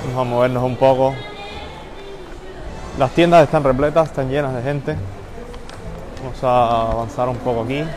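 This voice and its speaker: At normal speed and with frequent pauses, a man with a steady, medium-pitched voice livestreams a walk through a busy mall, greeting viewers by name along the way. Music plays in the background alongside the crowd and mall ambience, and the loud mall noise comes through his handheld phone camera stream.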